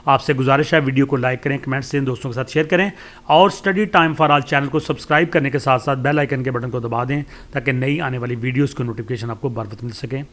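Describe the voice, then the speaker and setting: A man with a Pakistani accent teaching a lesson. He reads English lines slowly, then explains them at length with many hesitations. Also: mid-range voice, a bit bright. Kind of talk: lecture explaining a course text.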